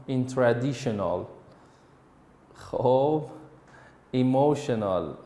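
A man's voice: mid-range voice, expressive, warm tone. Guy teaching a class, calls on kids by name and nudges them along, sounds kinda roomy. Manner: coaxing, quizzing students by name. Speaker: English teacher. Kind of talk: classroom English lesson in Persian. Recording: roomy echo.

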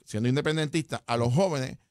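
An older man delivers emphatic political analysis on the radio. He talks quickly and presses hard on his points. The sound is close and dry. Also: mid-range voice, darkish tone, no echo. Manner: emphatic, argumentative, rising when stressing points. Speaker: political commentator. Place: radio studio. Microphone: studio mic.

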